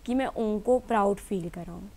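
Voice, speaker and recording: A woman's voice: medium pitch, moderate pace, mellow. A woman answering interview questions as an actress and entrepreneur, earnest and matter-of-fact.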